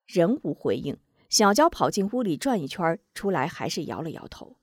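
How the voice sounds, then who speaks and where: A woman storyteller narrating a martial-arts tale in a lively voice, reading every part herself. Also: on the low side, normal speed, breathy edge, no echo, clean studio sound.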